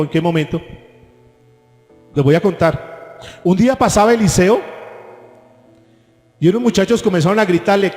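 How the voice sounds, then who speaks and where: A pastor with a slightly high, slightly mellow voice preaches a sermon in a church hall, putting rhetorical questions to the congregation. The recording is echoey, with faint music in the background.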